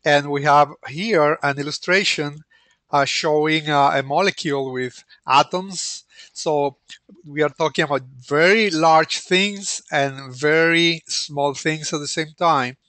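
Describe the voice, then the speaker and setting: A man giving an online lecture, hesitant and full of pauses and restarts. His voice sits a little high and sounds bright and forceful. The sound is dry and close, with no room echo. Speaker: instructor.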